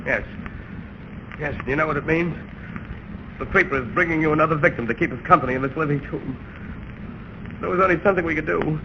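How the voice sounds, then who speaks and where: A man's voice: on the high side, quick pace, gravelly, long pauses. An actor playing a despairing, hysterical chained prisoner in a 1930s radio drama, his voice frantic and strained. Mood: bitter, despairing. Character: despairing, hysterical male captive chained for two months. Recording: noisy, muffled 1930s radio recording.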